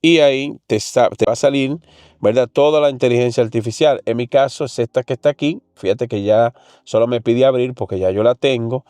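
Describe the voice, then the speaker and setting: Mellow tech host. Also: male voice, mid-range voice, a little fast, no echo. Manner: chatty, addresses the viewer directly with frequent fillers. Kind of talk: casual tech demo talking to viewers.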